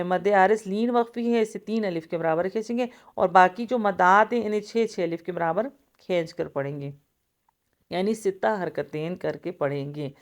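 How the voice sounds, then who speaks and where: A woman teaches the rules of Quran recitation in a smooth, clear voice. She explains each letter patiently, step by step, and draws out the recited sounds at length. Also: medium pitch. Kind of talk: tajweed lesson, explaining and reciting.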